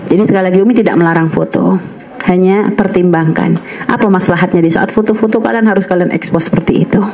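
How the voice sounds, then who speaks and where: A woman's voice: fairly low pitch, fairly even intonation, fast, a little mellow. A woman religious teacher giving an earnest, admonishing radio lecture, calling her young listeners "child".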